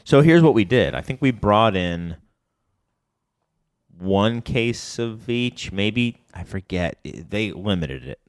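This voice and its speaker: A low-voiced man with a hint of a Chicago accent chats loosely on a podcast. He hedges, rambles and keeps correcting himself. The recording is dry, with no room sound at all. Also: expressive, slow pace, dry recording. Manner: rambling, self-correcting, hedging. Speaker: podcast co-host, beer bar owner. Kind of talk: casual chat.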